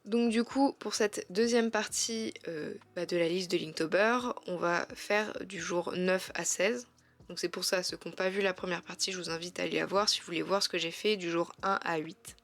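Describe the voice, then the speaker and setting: A woman art vlogger talking casually through her drawings, chatty and halting with frequent fillers and restarts, and frankly self-critical about her work. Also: lowish voice, fairly even intonation.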